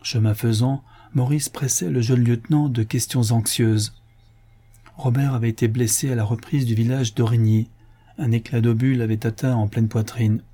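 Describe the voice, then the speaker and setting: Man reading a novel aloud, husky. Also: medium pitch, steady tone, dark tone. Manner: measured literary reading. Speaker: audiobook narrator. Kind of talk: scripted narration.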